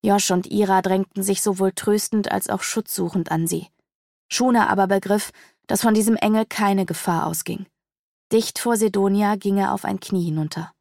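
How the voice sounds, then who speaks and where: A woman reading a fantasy audiobook aloud in a steady storytelling manner. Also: medium pitch, moderate pace, vocal fry, dry recording, studio quality. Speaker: audiobook narrator. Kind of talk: scripted fantasy audiobook narration.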